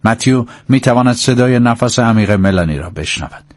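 A man narrating an audiobook in a measured, descriptive way. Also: medium pitch, lively intonation, no room sound.

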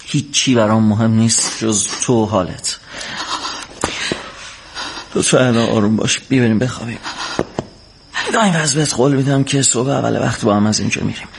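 A man's voice: mid-range voice, creaky, long pauses, noisy background, lightly acted. A man dubbing a caring young man who speaks to his partner in a soothing, reassuring way. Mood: gentle. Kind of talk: dubbed film acting.

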